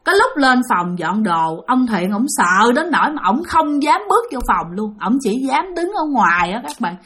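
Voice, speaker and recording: A woman's voice: a little high, very animated, normal speed, a bit bright. A woman with a Southern Vietnamese accent narrating a ghost story, chatty and talking straight to her listeners. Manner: chatty, addresses listeners directly.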